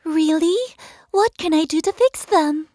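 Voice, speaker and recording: A woman voicing a gentle, fretful young fairytale princess in a preschool cartoon, plaintive and polite. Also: very high voice, unhurried, no echo, clean studio sound. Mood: worried. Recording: loud music under the voice.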